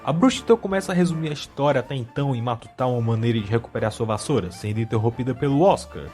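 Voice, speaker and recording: A man with a Brazilian accent speaks in a mid-range voice over soft background music. He delivers casual video-essay commentary and wanders into wry, joking asides. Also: medium pitch, racing.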